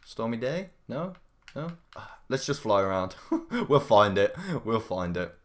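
A man hosting a gaming livestream, giving casual running commentary in an excitable way, often repeating his phrases and exclaiming. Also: on the low side, unhurried. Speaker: livestream gamer, host. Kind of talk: live gameplay commentary, casual.

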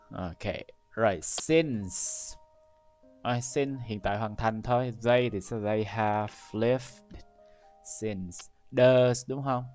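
A man's voice: lowish voice, darkish tone. A man from Vietnam teaching English, walking a class through an entrance exam step by step and speaking straight to the students. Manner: explains step by step, addresses class directly. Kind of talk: exam-prep lesson walkthrough.

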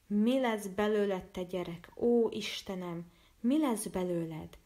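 A woman's voice: mid-range voice, dark tone, lightly acted. A woman voicing a stern, overworked poor father who speaks grimly. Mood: despairing.

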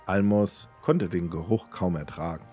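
A low-pitched man reading an in-game book aloud for a let's play, his delivery lively and expressive with casual asides. His voice is dark and slightly husky, and faint game music plays beneath it. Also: measured pace. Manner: expressive storytelling with offhand asides.

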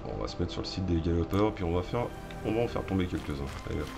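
Deep-voiced man, chatty gaming commentary. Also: expressive, rapid-fire, creaky. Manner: chatty, slangy, joking, addresses the viewers. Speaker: gaming streamer. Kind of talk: casual let's-play commentary. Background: game music.

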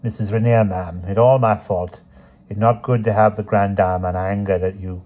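A man doing a gentle, apologetic young woman. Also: fairly low pitch, steady tone, normal speed, lo-fi sound, close to an everyday voice. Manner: soft, respectfully reproving.

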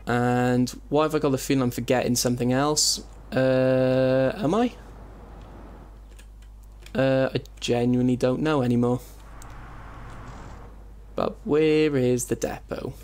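A man's voice: mid-range voice, fairly even intonation, measured pace, a little mellow, clean tone. A man giving casual gameplay commentary, rambling and thinking aloud, often interrupting himself. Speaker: let's play host. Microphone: compressed desktop microphone, voice-over. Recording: faint room noise, keyboard typing, compressed mic. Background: keyboard typing and background noise.

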